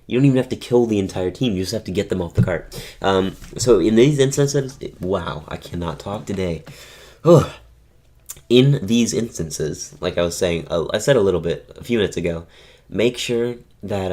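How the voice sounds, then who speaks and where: Deep-voiced guy talking over his gameplay, kinda rambly, keeps correcting himself. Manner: rambling, self-correcting, relaxed explainer. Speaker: gaming tutorial host. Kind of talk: casual gameplay commentary.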